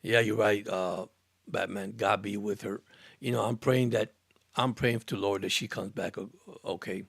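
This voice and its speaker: A Cuban-born man of about sixty, raised in Miami, hosts a casual sports live stream, chatting earnestly and rambling as he answers viewer comments, often repeating words and restarting. His voice is lowish with vocal fry, steady in tone and normal in speed. It's a clean studio-microphone recording with no room sound.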